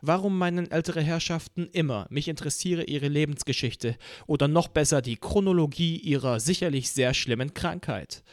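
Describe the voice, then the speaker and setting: A man's voice: a little high, moderate pace, hardly any pauses, no echo, studio quality. Man reading a story expressively. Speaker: reader. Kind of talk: scripted narration.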